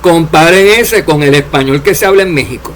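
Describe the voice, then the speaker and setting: A man preaching a sermon, addressing his listeners directly and letting his voice drop low and soft at the ends of phrases. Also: a little fast, slight background noise. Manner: addresses listeners as dear servants, drops voice at endings.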